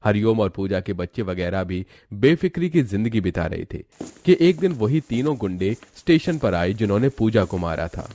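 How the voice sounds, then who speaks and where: A man narrating a cartoon story in a steady, dramatic storytelling manner. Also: fairly low pitch, moderate pace.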